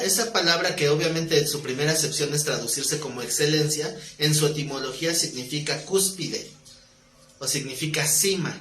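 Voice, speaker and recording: A man's voice: a little high, sharp tone. A man preaching a teaching sermon in a conversational way, asking his listeners questions. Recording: echoey room, faint noise.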